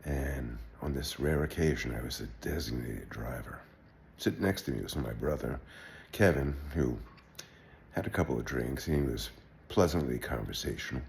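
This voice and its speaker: An older man telling a wry personal anecdote in a relaxed, halting way, with wry understatement. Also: very deep voice, creaky, a little hiss or hum. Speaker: storyteller. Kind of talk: personal anecdote told aloud.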